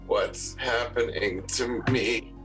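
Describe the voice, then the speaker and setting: A man's voice: mid-range voice, steady tone, slow, a bit bright, soft background music. A man voicing a frail, weary cat character with a very old man's voice in a tabletop game. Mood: bewildered. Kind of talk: in-character tabletop role-play.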